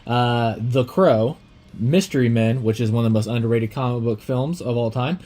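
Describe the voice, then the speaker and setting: A young man hosting a casual movie podcast, talking in a rambling, filler-heavy, excitable way, with a slight lisp from a dental aligner. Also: mid-range voice, moderate pace. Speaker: podcast host.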